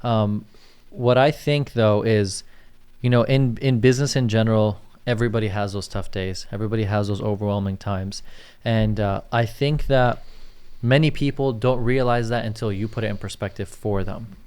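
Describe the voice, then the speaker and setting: A man's voice: lowish voice, fairly even intonation, moderate pace, a little mellow, clear, resonant tone. A young man co-hosting a casual podcast, talking loosely, reading out viewer questions and often asking "you get what I'm saying". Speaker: podcast co-host.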